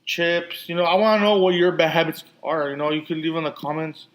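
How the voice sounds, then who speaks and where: Slightly high-voiced man with a lisp. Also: level tone, a little fast, fairly bright tone, low-quality recording. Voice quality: lisp and slurred speech. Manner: rambling with many restarts and fillers. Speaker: podcast host. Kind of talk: casual solo podcast talk.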